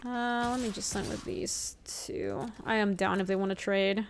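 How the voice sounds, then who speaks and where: In casual live-stream commentary on a card game, a young woman from Ecuador, whose first language is Spanish, reads her chat aloud and answers it with quick reactions and laughter. She speaks in a steady, mid-range voice.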